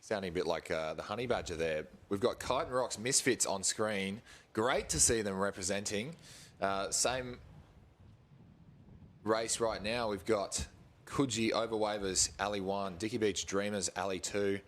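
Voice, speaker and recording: Casting note: Australian male sports commentator, very low voice, chatty and jokey. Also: moderate pace, a little hiss or hum.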